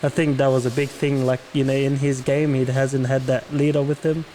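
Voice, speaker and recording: A man's voice: mid-range voice, flat delivery, brisk, dark tone, poor audio. A man giving casual sports opinions as a panelist, in loose conversational phrasing. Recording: slight background noise.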